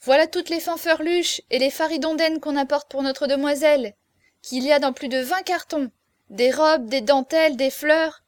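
A woman reading aloud, voicing an excitable young male servant who shouts boastful announcements. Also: high voice, moderate pace, dry recording, pitched above the performer's own voice, natural voice. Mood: boisterous. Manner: loud, breathless exclamations.

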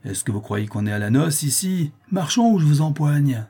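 A man's voice: fairly low pitch, expressive, fairly quick, warm tone, heavily acted. A man voicing a coarse, impatient bailiff's officer who barks slangy orders. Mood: brusque. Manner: gruff slangy barking.

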